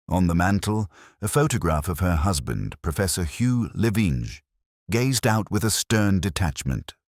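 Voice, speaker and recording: A man playing a brooding, literate police inspector, narrating a detective drama in a measured, wry, reflective way. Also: deep voice, no room sound, studio quality, full character voice. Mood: dry, observant. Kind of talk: scripted first-person detective drama narration.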